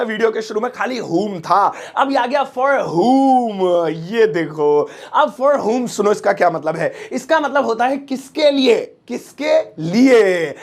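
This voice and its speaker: Gravelly-voiced joking male English teacher. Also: very high-pitched. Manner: joking, chatty, slangy teasing asides; repeats English phrases slowly and clearly. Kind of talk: casual spoken-English lesson.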